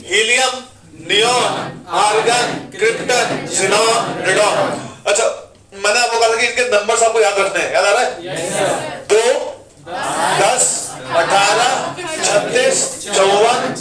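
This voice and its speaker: A man teaching chemistry to a class, quizzing students and chanting memory lines for the elements. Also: extremely high pitch. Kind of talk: classroom lecture with mnemonics. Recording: echoey room, mic far off, class noise.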